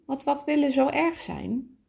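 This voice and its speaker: A woman voicing a small, innocent soul who asks excited, pleading questions. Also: sits high, measured pace, creaky, voice pushed up, heavily acted. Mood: eager.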